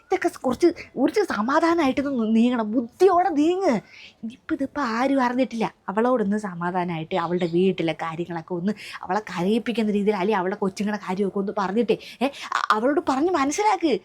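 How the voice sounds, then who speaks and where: A woman's voice: high voice, lively intonation, fairly quick. A woman playing a practical middle-aged neighbour who urges and coaxes her friend, in a web series drama. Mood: coaxing. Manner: urgent, coaxing and persuasive.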